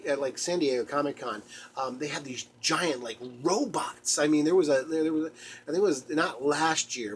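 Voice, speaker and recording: A man's voice: medium pitch, husky. A man hosting a solo podcast, rambling casually with frequent restarts, fillers and laughs. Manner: halting, many restarts and laughs. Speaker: podcast host.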